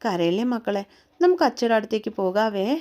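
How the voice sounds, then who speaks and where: A woman's voice: mid-range voice, big pitch swings, fairly quick, warm tone, close to an everyday voice. A woman voicing a young woman soothing crying twins in a storybook reading. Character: young woman caring for twins, tearful and devoted.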